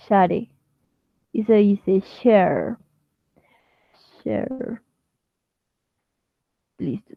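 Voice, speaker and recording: A woman teaching an online class, patient and methodical, stopping to check that everyone follows. Her pace is slow and her voice sits a little high. The sound is dry and dull, as over a computer call. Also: no echo. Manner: patient, explains step by step with frequent "¿listo?" checks. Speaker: English teacher. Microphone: computer mic on video call.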